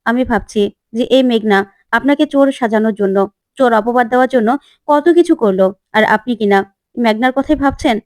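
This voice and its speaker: A woman voicing an earnest young man in a retold TV serial, in her own voice with a slightly higher pitch. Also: brisk, no room sound, studio quality, lightly acted.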